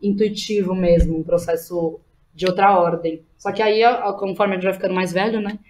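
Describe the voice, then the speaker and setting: At a medium pitch and a slightly fast pace, this thirties-aged theatre teacher and playwright with a Brazilian accent talks openly and informally on a podcast, checking in with small tag questions. Her tone is darkish with fairly even intonation, on a rough recording with clear background noise.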